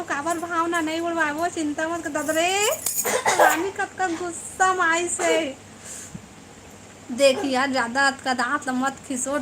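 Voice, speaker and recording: A woman's voice: high-pitched, fairly bright tone, slight background noise. A woman with a Chhattisgarhi accent hosting a casual live stream, teasing and bantering with viewers by name.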